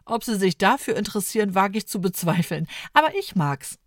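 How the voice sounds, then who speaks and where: A woman's voice: medium pitch, animated, fairly quick, dry recording, clean studio sound, lightly acted. Woman doing a wry woman farmer. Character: dry-humoured woman farmer.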